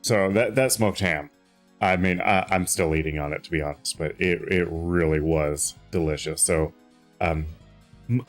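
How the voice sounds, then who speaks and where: A man with a very deep voice talks casually while streaming a game, sounding tired. His chat rambles along with plenty of fillers and restarts. Faint game music plays underneath. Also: normal speed.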